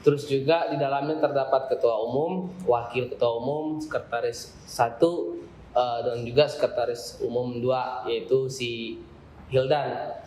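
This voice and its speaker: A man's voice: mid-range voice, steady tone, measured pace, darkish tone, slight background noise. A young man, a student association chair, explaining his group at length in a casual podcast chat, with frequent fillers. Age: young adult. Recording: roomy room with faint ambience.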